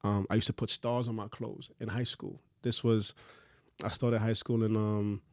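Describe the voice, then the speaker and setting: A man in his thirties from Trinidad, a fashion designer telling his story in a relaxed, candid, slangy podcast chat. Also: fairly low pitch, normal speed, no echo, studio quality. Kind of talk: casual interview chat.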